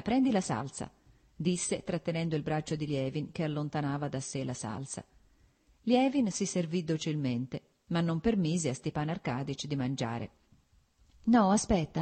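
A woman's voice: low-pitched, slightly rough. A woman reading a novel aloud as audiobook narration, lifting her voice for the dialogue. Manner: reads dialogue in a raised, more animated voice than the narration. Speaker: reader.

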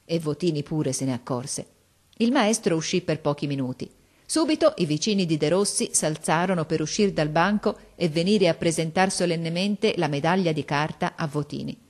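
A woman with a fairly low voice reads a classic novel aloud as an audiobook. Her delivery is expressive and measured.

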